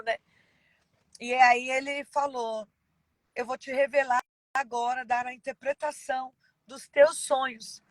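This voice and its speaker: High-voiced woman pastor giving testimony. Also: no echo, poor audio. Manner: halting and emotional, many pauses and fillers. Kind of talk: personal testimony in an interview.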